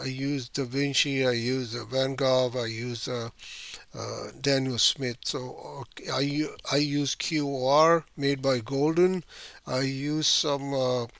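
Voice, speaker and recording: A man's voice: mid-range voice, fairly even intonation, slow, vocal fry, fairly bright tone, no echo. A man teaching a watercolor painting class, talking loosely through his steps with many fillers and frequent "right?" checks. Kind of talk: painting lesson demonstration.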